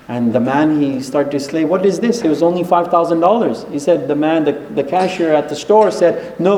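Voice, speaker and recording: A man's voice: on the high side, a little mellow. A man preaching an earnest sermon, telling a moral story and using frequent religious phrases. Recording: echoey hall.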